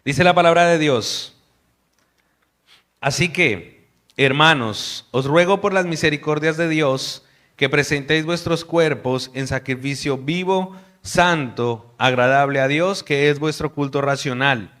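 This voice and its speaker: Young man from Colombia, preaching sermon, bright voice, crisp and resonant. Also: on the high side, a little slow. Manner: earnest, warm preaching with hushed prayer. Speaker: missionary preacher.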